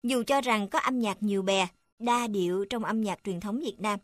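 A woman's voice: medium pitch, moderate pace, no room sound. Woman reading a textbook, dry and close. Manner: even, formal reading with section numbers read aloud. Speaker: narrator reading a text on music.

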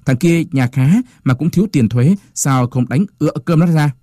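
Man playing a domineering mandarin, barking, scolding, dark voice. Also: a little high, normal speed, no echo, studio quality, voice pushed up, natural voice. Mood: sneering. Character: harsh domineering male district mandarin.

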